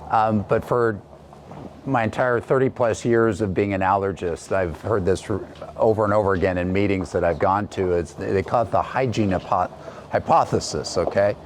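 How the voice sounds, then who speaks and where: A man in his fifties, an allergist and ENT doctor, explaining in a measured way. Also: on the low side, slight background noise. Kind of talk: casual conversation.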